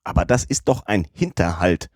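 A man voicing an excitable, loyal French manservant who talks indignantly and exclaims often. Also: low-pitched, normal speed, dry recording, studio quality.

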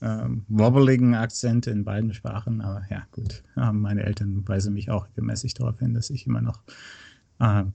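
A man in his thirties with a low, gravelly voice and a slight American accent in his German. He talks casually in halting phrases with many pauses, in a mellow tone and a dry, close sound. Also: steady tone, no room sound. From North Rhine-Westphalia, Germany. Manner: hesitant, halting delivery with frequent pauses. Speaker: podcast guest. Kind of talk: casual interview, recounting.

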